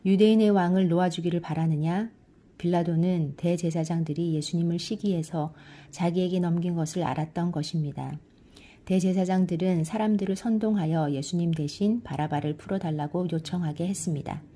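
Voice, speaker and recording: A middle-aged woman giving a calm, measured scripture reading, with quoted lines read slightly louder. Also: fairly low pitch. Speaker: Bible reader.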